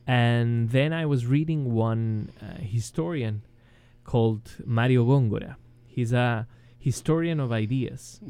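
Chilean male guest, non-native English, slow, clear voice, hesitant. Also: medium pitch, no room sound. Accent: Chilean Spanish. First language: Spanish. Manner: hesitant, many ums and restarts, chuckles softly. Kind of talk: interview, casual chat.

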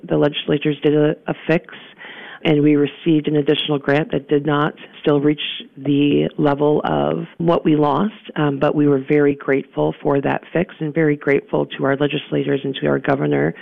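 This is a gravelly voice heard over a tinny, dry phone line. The guest explains their organization's work earnestly, pausing often on "um" and restarting phrases. They sound like a community service worker being interviewed on the radio. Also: medium pitch, dry recording. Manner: earnest, with frequent "um" pauses and restarts. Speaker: guest from a local survivor services center.

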